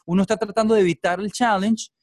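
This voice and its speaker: A man's voice: sits high, fast talker, no room sound, studio quality. A man with a Venezuelan accent, a podcast guest chatting casually and telling stories in an intense, profane way. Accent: Venezuelan Spanish. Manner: intense, profane, animated storytelling. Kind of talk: casual chat.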